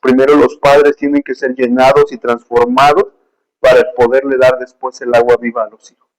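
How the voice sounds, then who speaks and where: A man's voice: medium pitch, flat delivery, normal speed, poor audio. A man preaching a sermon with emotion and emphasis, telling personal stories, reading scripture aloud and calling his listeners brothers.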